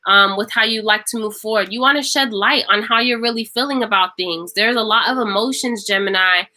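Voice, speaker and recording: A woman's voice: mid-range voice, brisk, pushed and bright, poor audio. A woman giving a casual tarot reading to camera. She talks emphatically and repeats phrases for stress. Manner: acts out imagined speech. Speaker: tarot reader.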